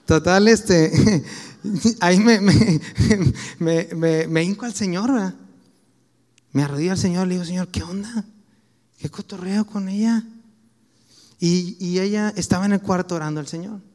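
A man's voice: high-pitched, normal speed, a little mellow, in a large hall. A man with a Mexican Spanish accent preaching a sermon in a conversational, anecdotal way, full of casual slang.

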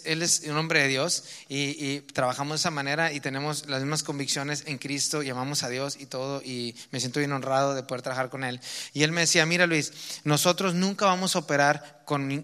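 A man with a Mexican accent preaching a sermon, reading scripture slowly and emphatically, then explaining it in casual asides. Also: fairly high pitch, bright, forceful tone, big-room sound. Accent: Mexican Spanish.

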